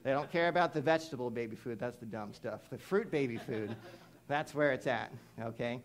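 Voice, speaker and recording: A young adult man preaching a sermon in a conversational, animated way, telling a story and mimicking animal sounds. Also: mid-range voice, moderate pace.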